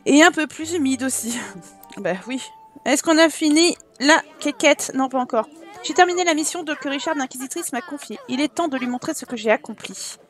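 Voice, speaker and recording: A woman's voice: high-pitched, fairly quick, soft background music. A woman hosting a casual let's play, chatting, reading game text aloud and joking to herself.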